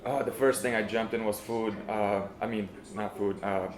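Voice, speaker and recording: Flat-toned young man, echoey room. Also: fairly low pitch, normal speed. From Lithuania. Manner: modest, hesitant, easygoing. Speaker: MMA fighter being interviewed. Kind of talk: casual interview answers.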